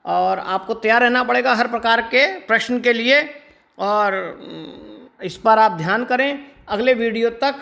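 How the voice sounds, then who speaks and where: A man's voice: very high voice, vocal fry, fairly bright tone. Man teaching, with frequent rhetorical questions. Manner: explains step by step, asks students rhetorical check-in questions; stretches words slowly to demonstrate pronunciation. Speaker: Hindi teacher. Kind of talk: exam-prep lecture.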